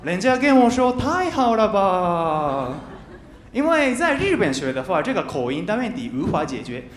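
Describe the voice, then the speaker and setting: A young man performs stand-up in a Japanese accent, his voice high and very animated. He phrases things carefully as a second-language speaker, sometimes stumbling and repeating himself. The sound is roomy, from a big stage. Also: brisk, slight background noise. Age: 20s. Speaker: stand-up comedian. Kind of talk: stand-up comedy monologue. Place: large TV studio stage with live audience. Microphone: handheld microphone.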